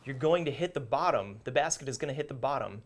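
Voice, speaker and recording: A man's voice: mid-range voice, animated, fast. A young man co-hosting a coffee gear show, chatting in an easygoing, agreeable way. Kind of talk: casual product chat.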